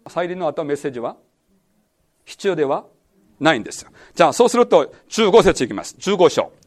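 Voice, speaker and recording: A man leads a sermon-style Bible study in a high voice with a lot of rise and fall. He keeps questioning his listeners and hammers home key words by repeating them. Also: very animated, brisk, darkish tone. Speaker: pastor teaching a Bible study.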